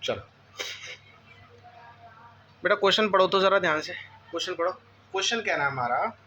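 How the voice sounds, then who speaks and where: A man teaching a class ten physics lesson, often asking students questions and checking that they follow. He keeps saying "okay" and reads English textbook lines in an Indian English accent, slowly and deliberately. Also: high-pitched, animated, bright, forceful tone, lo-fi sound, a little hiss or hum. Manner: addresses students as beta, repeats "theek hai" often. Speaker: physics tutor. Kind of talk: board-exam coaching lesson.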